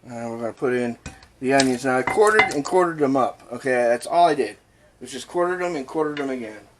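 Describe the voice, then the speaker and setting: A man runs a relaxed home cooking vlog, keeping up a joking, rambling patter at a middling pitch as he works. Faint clinks of pots and cutlery sit behind his voice in the kitchen. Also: fairly quick, a little hiss or hum. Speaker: cooking channel host.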